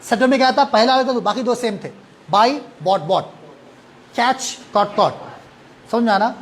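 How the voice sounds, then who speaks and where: A man's voice: extremely high pitch, animated, measured pace, a little hiss or hum. A male English teacher, giving a classroom lesson. He drills words, repeats them and asks the class questions. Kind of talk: classroom lesson mixing English and Hindi-Urdu.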